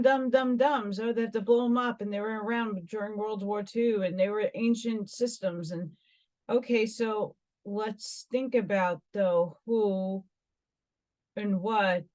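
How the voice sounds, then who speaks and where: A New York woman hosts a metaphysical vlog, reading articles aloud and drifting into musing, dramatic personal asides. Her voice is medium in pitch, warm in tone, and measured in pace.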